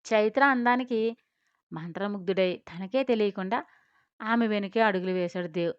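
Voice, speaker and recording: Smooth-voiced woman narrating a romance. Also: mid-range voice, moderate pace, dry recording, lo-fi sound. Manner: expressive, descriptive storytelling. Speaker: audio story narrator. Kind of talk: scripted narration.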